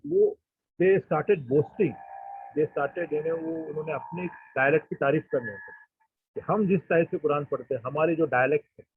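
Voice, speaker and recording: Husky man lecturing over a tinny line. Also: mid-range voice, no echo. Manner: explanatory, frequent fillers and throat clearing, mixes in English. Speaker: Islamic history teacher. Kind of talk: informal lecture.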